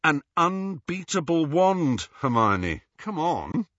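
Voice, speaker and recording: A man's voice: fairly high pitch, sing-song, slow pace, fairly bright tone, no room sound, voice pushed up, full character voice. A man reading an audiobook, voicing a blunt, cheeky teenage boy who mocks and argues. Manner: blunt, mocking. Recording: dull, dry audiobook recording.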